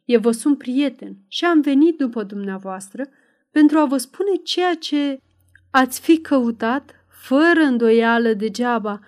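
A woman's voice: high-pitched, lively intonation. A woman voicing a timid old servant. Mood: earnest, wary. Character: timid old male servant, wary and earnest. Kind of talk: audiobook character voice.

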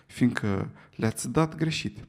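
In an audiobook reading, a man with a medium-pitched voice plays a calm, precise English gentleman who speaks in a cool, clipped, unflappable way.

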